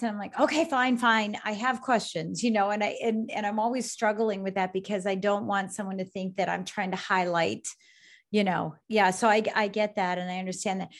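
Woman host, supportive interviewer, affirming and chatty. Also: medium pitch. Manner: encouraging, frequent affirmations. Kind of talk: conversational interview.

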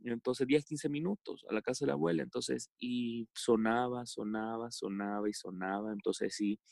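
Halting Salvadoran man, dry close sound. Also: medium pitch, steady tone, gravelly, a little mellow, no echo. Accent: Salvadoran Spanish. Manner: halting, full of fillers and restarts. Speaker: podcast guest. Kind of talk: personal storytelling in a podcast conversation.

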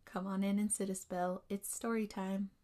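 A woman with a mid-range voice works as a podcast host and storyteller. She reads scripted narration in a measured, explanatory manner, laying out each piece clearly for the listener. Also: mid-range voice, flat delivery, warm tone.

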